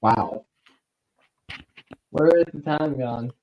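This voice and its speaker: A male co-host with a medium-pitched voice, heard through a somewhat muffled, lo-fi microphone. He chips in casually and conversationally. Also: drawn-out words, darkish tone. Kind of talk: casual chat.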